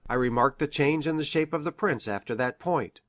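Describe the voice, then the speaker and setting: An actor playing an earnest, educated country doctor who recounts a tragedy in a formal, measured, precise way. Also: male voice, fairly high pitch, fairly bright tone, natural voice. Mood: grave, earnest. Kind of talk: dramatised classic mystery radio play.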